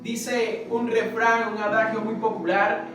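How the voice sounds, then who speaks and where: A man with a fairly high voice preaches with earnest, measured emphasis. He sounds far from the mic in a very echoey room. Gentle guitar music plays behind him. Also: little pitch movement. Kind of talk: sermon with Bible reading. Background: soft guitar music.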